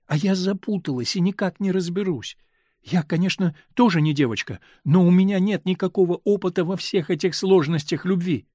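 A male reader voicing a gentle, confused woman torn between two men, talking in an earnest, wavering way. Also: sits high, dry recording, studio quality, voice pushed up.

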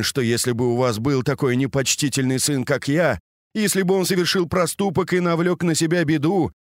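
A man reading an audiobook and voicing a penitent young nobleman who mutters hurried, self-abasing excuses. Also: fairly high pitch, dry recording, clean studio sound, voice pushed up, lightly acted. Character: young nobleman, humble and penitent, kneeling nephew.

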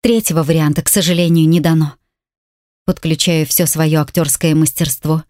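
A woman narrates a first-person audiobook in a tense, measured way. Her voice is on the low side, recorded close and completely dry. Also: steady tone, a little mellow, no echo.

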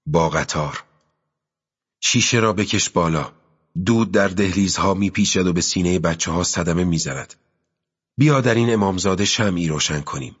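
A man reading a novel aloud as an audiobook narrator, in a slow, measured literary style with pauses. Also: low voice, fairly bright tone, husky. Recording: dull lo-fi audio with long reverb.

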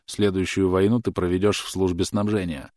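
Casting: male narrator as a terse deadpan soldier, low voice, dry audiobook sound. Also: a little fast, dry recording, lightly acted.

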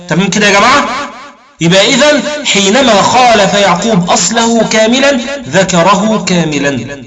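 A man teaching Quran recitation rules in an explanatory lecture, often checking that his listeners follow along. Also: very high-pitched. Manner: keeps checking in with listeners, recites verses slowly.

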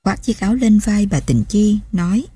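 A woman narrating a novel as an audiobook, in steady, emotive storytelling on a close mic. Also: medium pitch, normal speed, slightly rough, no echo. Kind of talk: scripted narration.

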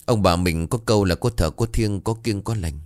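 A man's voice: lowish voice, normal speed, darkish tone, dry recording, clean studio sound, natural voice. A man voicing an uneasy older village husband who talks hesitantly. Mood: troubled.

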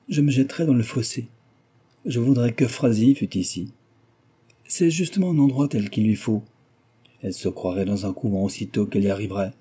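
A man's voice: medium pitch, mellow, slightly rough. A man reading aloud, voicing a frivolous, gossiping young aristocratic lady who talks flippantly and teases. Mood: lively, teasing. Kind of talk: audiobook character reading.

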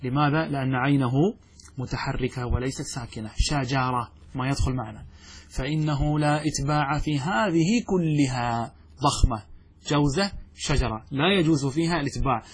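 A man teaching Arabic grammar in a classroom lecture, asking his students questions and answering them himself, repeating example words slowly. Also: medium pitch, slightly rough.

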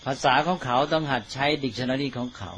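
A Buddhist monk with a medium-pitched, fairly bright voice gives an informal dharma teaching to fellow monks. He speaks slowly and deliberately, often checking that they follow, with slight background noise.

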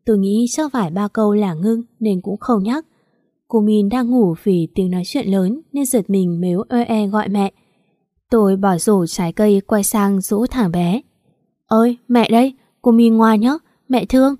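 Female narrator for first-person story audio; plain, steady read, dry close sound. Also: medium pitch, normal speed, no echo.

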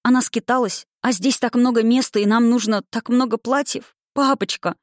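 Reader doing a young noblewoman, raised pitch, pleading, rushed words, dry close sound. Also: dry recording, lightly acted. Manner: rapid, pleading and excited. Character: impulsive young noblewoman, quick and wilful.

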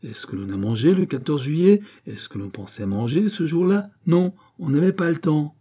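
A man's voice: a little high, lively intonation, normal speed, mellow, slightly rough, pitched above the performer's own voice. A man voicing a boastful young villager who lectures his neighbours in an emphatic, pompous way. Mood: lecturing. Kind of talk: audiobook character voice.

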